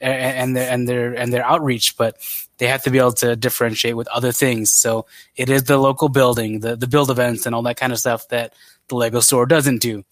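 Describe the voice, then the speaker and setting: A man's voice: medium pitch, level tone, a little fast, no room sound. A man co-hosting an online talk show, chatting casually, often laughing and restarting his sentences. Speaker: podcast co-host. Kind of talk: casual chat.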